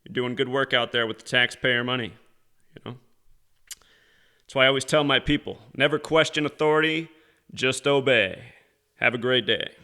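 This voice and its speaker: A man's voice: medium pitch, moderate pace, long pauses, bright, forceful tone, clean tone. A man leaving a voicemail on a phone, speaking in a sarcastic, mock-admiring way. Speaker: channel host.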